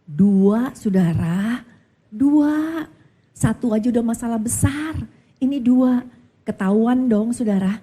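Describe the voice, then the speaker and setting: A woman pastor preaching a sermon, telling stories in an animated way and often calling out to her listeners. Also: on the high side, slow, husky. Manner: animated storytelling, addresses listeners as "saudara".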